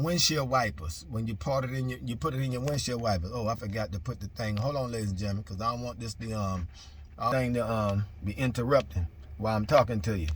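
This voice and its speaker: A man who drives trucks and preaches, talking to his viewers in a rambling casual vlog from his truck, full of fillers and repeated greetings. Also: medium pitch. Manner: rambling, repeats "ladies and gentlemen", many fillers. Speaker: minister.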